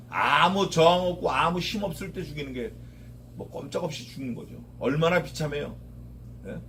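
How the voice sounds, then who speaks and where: A man's voice: a little high, a little hiss or hum. Fervent male pastor preaching. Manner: emphatic, repeats key phrases, rises when voicing prayers. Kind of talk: sermon.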